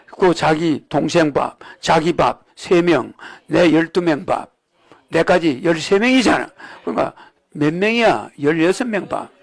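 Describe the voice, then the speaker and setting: A man's voice: on the high side, animated, unhurried, vocal fry. A man giving a rambling sermon-style religious lecture, often checking in with the audience with "you know what I mean?". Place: lecture hall.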